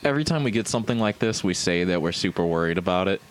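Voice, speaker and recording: A man co-hosting a casual podcast, relaxed and agreeable. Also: sits low, rapid-fire. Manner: relaxed, agreeable, lots of yeahs. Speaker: podcast co-host. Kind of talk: casual chat.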